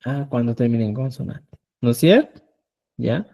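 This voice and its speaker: A man's voice: mid-range voice, expressive, moderate pace, gravelly, warm tone. A man teaching a Quechua class, explaining patiently and often checking that students follow. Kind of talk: classroom lesson.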